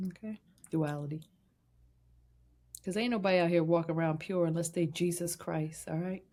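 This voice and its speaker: A woman's voice: on the low side, fairly even intonation, normal speed, warm tone. A woman in her thirties co-hosting a podcast over a call, talking candidly and mocking herself with frequent laughs. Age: 30s. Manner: candid, self-deprecating, laughs often. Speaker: podcast co-host. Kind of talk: casual chat. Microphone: remote call.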